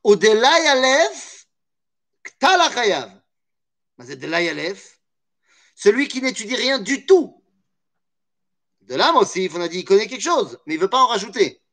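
A man's voice: high voice, very animated, brisk, long pauses, a bit bright. A man teaching a Torah study lesson, explaining with animation, weaving in Hebrew terms and jokey asides.

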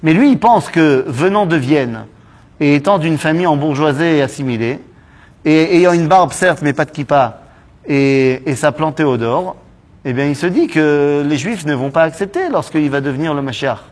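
A man teaching a lively Bible study class, asking quick rhetorical questions and mixing Hebrew terms into his talk. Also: on the high side. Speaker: Torah teacher.

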